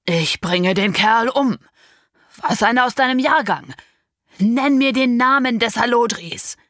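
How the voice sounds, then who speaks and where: A woman voicing a domineering middle-aged father who shouts and threatens in harsh bursts, in an audiobook reading. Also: on the low side, unhurried, slightly rough, no echo, clean studio sound. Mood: enraged.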